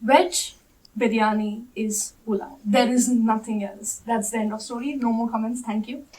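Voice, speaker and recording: A woman's voice: a little high, fairly even intonation, moderate pace, a little mellow, distant mic, low-quality recording. Decisive young woman, off-mic. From India. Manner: breezy, decisive. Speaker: panelist. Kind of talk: student panel discussion. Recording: voice a bit off-mic.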